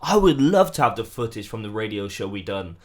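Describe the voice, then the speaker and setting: A British man hosting a podcast interview, joking and encouraging in relaxed conversation. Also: fairly low pitch, a little fast. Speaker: podcast host. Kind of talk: casual interview chat.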